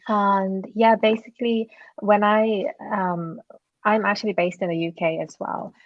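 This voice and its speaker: A woman's voice: mid-range voice, fairly even intonation, measured pace, no room sound, highs cut off. A woman from Japan answering as a panelist, speaking earnestly and thoughtfully with fillers and small self-corrections. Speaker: panelist, co-founder of an activist group.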